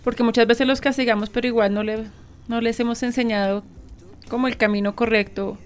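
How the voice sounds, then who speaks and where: Fast-talking agreeable woman co-host. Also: a little high, fairly even intonation, soft background music. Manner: agreeable, quick affirmations. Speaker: radio program co-host.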